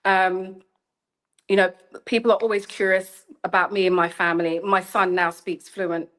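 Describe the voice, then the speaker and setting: A woman's voice: mid-range voice, flat delivery, normal speed, fairly bright tone. A woman in her thirties, a journalist, speaks reflectively in an interview, searching for words and often saying "you know" as she goes. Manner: thoughtful, searching, with frequent "you know" and restarts. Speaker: guest, journalist and storyteller. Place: lives in China.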